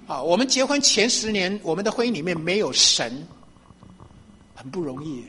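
A man's voice: sits high, lively intonation, moderate pace, bright, forceful tone. Middle-aged male pastor, chatty sermon testimony, lots of laughing and fillers, faint background noise.

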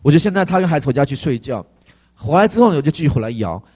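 A male pastor giving a conversational testimony sermon, animated and full of fillers. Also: a little high, very fast, husky.

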